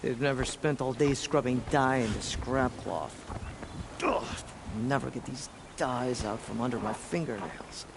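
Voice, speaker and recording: A man's voice: mid-range voice, unhurried, vocal fry, background noise. A man playing a put-upon cloth dyer in a video game, grumbling to himself about his work. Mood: disgruntled. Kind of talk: video game ambient character dialogue.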